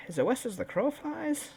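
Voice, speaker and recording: A man's voice: very high voice, gravelly, background noise. A man playing a character in a tabletop game, joking around and laughing often. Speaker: player.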